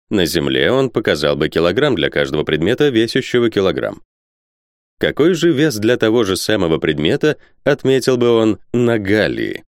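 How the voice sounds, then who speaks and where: A male audiobook reader with a fairly low voice and lively, rising and falling intonation. The recording is dry and close. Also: clean tone, dry recording. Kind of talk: scripted narration.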